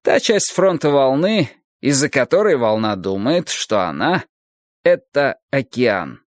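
A man voicing a calm philosophical teacher. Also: medium pitch, dry recording, studio quality, pitched above the performer's own voice. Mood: musing. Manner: slow, measured, lecturing. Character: calm philosophical male teacher, gently sorrowful. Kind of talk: audiobook character reading.

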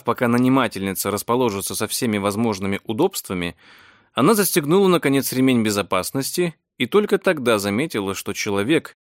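A man reading a novel aloud in a steady, measured storytelling voice. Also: mid-range voice, no room sound, studio quality. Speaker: audiobook narrator.

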